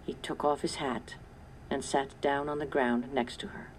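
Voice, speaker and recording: A woman reading a children's story aloud in a measured first-person narration. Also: rumbling low, level tone, a little hiss or hum. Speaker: audiobook narrator.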